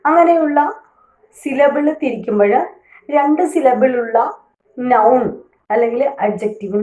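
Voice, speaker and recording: A woman teaching a language lesson, reading each rule out slowly and then explaining it at length, with an occasional hesitant filler. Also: fairly high pitch, a little mellow. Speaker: English teacher. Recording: echoey room.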